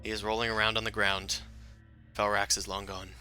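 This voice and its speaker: A man's voice: on the low side, little pitch movement, a little fast, pushed and bright, faint music behind. A man working as game master, improvising tabletop game narration in an informal, descriptive way.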